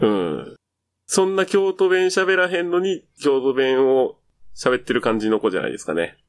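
A man's voice: mid-range voice, big pitch swings, moderate pace, no room sound. A man with a Kyoto Kansai accent in casual, colloquial conversation, reacting with frequent backchannels. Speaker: talk show host who lives in Kyoto. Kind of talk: casual chat.

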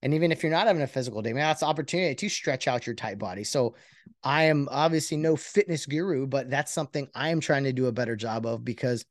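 A man hosting a podcast alone, talking in a rambling, earnest and self-reflective way, with many halting restarts. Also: mid-range voice, dry recording, studio quality. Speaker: podcast host. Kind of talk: casual solo podcast monologue.

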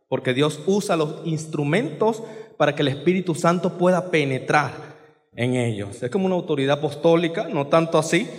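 A man preaching a sermon, dramatic, moving between loud outbursts and quiet asides. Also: fairly high pitch, in a large hall.

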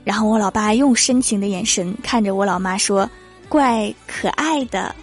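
A young woman hosting a comedy show, telling comic stories in a lively, teasing way. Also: medium pitch, a little fast, breathy edge, faint music behind. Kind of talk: scripted comic monologue.

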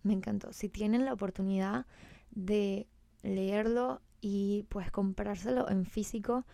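A young woman hosts a casual solo podcast in a mellow voice with plenty of vocal fry. She is chatty and emphatic, slipping English words into her talk. The sound is close and dry, with no room to it. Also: medium pitch, fairly even intonation, measured pace, no echo. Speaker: podcast host.

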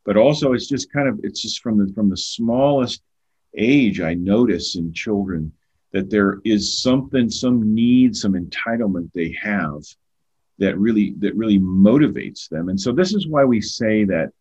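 With a husky, fairly low, loud voice at normal speed, an older man chats earnestly as a podcast guest. He frequently repeats words when starting a thought, and the audio sounds dull and lo-fi.

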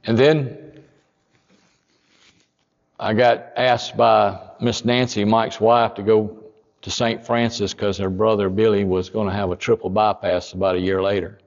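Man, pastor, storytelling sermon, gravelly, long hall reverb. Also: lowish voice, little pitch movement, measured pace, dull audio. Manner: folksy, builds to loud emphatic peaks.

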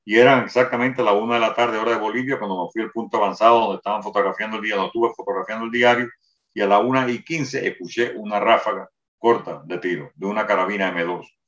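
Speaking fast in a steady, lowish, fairly bright voice, an older interviewee recounts a wartime memory in detailed first person, restarting frequently. The recording is roomy, distant and dull.

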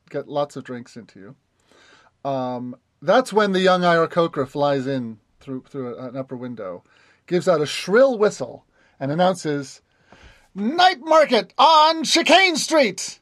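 A man's voice: on the high side, expressive, normal speed, no room sound, studio quality. A man narrating as game master in a tabletop game, hesitant, with many fillers and restarts.

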